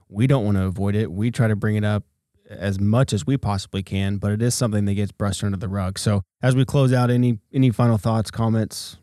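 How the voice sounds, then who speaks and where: A male host speaks casually in a fairly low, mellow voice. The sound is close and dry. He talks conversationally, like someone steering an interview. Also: no room sound. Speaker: podcast host.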